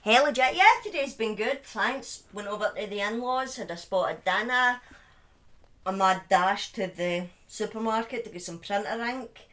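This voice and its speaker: Close to a boom-arm desk mic in a small, dim room, this middle-aged British live streamer with a speech impediment tells true crime stories in a casual, dramatic style. Her voice is medium-pitched and a bit bright, at a normal speed.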